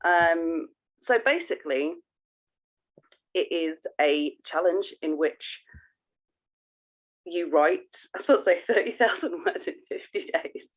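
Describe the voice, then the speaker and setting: A woman co-hosts a podcast in casual conversation, explaining things informally and often restarting her sentences. Her voice is on the low side with lively intonation, and she takes it slowly with long pauses. The recording has a narrow, phone-like sound.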